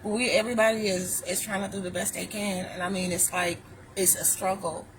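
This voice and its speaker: A woman's voice: mid-range voice, fairly even intonation, brisk, low-quality recording. Woman from ohio, laid-back chatty vlogger, outside near a parking lot, bit of noise behind. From Ohio, USA. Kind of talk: casual chat with a neighbor. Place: outdoors by an apartment parking lot.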